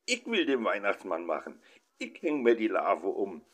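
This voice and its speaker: A man's voice: fairly low pitch, wildly swooping pitch, normal speed. A man voicing a cheeky nine-year-old boy with a Berlin accent who whines and insists. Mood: insistent. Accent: Berlin dialect. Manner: whiny, insistent.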